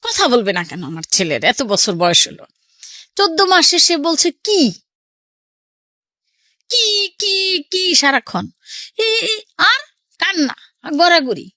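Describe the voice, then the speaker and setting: An extremely high-pitched woman's voice, unhurried and pausing often, belongs to a middle-aged woman with a Bangladeshi accent. She tells her personal story in an interview, animatedly acting out people's words. The recording is dry with clean studio sound.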